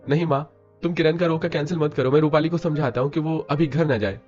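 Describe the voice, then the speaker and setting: A man voicing a patient young husband in an animated story, soothing and steady. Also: a little high, fairly quick, voice pushed up, close to an everyday voice. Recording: dull lo-fi with music.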